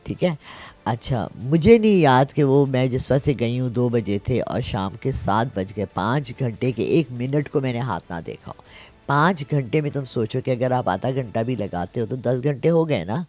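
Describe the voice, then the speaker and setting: A woman in her sixties, a palm reader, telling stories in a casual interview and often checking in with her listener. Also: very deep voice. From Pakistan. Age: 60s. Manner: animated storyteller, frequent "theek hai?" check-ins.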